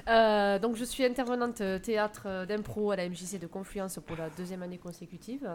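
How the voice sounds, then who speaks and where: A woman's voice: mid-range voice, steady tone, a little fast. A woman aged thirty-one with a nasal voice, stuffed up from being sick, introducing herself casually as a radio guest. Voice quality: nasal, congested voice. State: sick with a cold. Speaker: guest, improv theatre teacher and actress.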